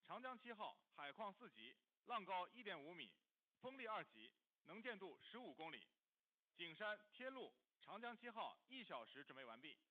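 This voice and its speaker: High, animated man reporting over mission control radio. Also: moderate pace, low-quality recording. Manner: formal, clipped official delivery. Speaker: station officer reporting to control.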